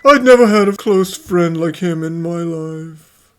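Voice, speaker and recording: A man's voice: a little high, measured pace, close to an everyday voice. Man acting an earnest, regretful older anime character. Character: earnest, regretful older friend, long estranged. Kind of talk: anime-style fan dub acting. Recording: voice over faint music.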